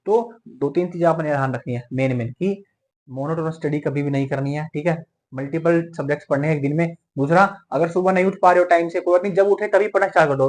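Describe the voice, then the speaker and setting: A young man giving a motivational talk to exam students, tagging nearly every point with a quick "theek hai". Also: a little high, a little mellow. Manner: fast, repeats "theek hai" as a tag. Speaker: medical entrance exam mentor.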